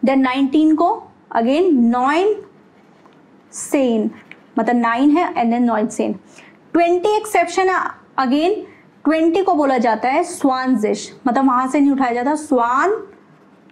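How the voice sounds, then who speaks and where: A woman with a high, light voice, teaching a beginner language lesson. She keeps posing questions to the learner and answering them herself, slipping English words into her explanations. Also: expressive, measured pace, a little mellow. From India.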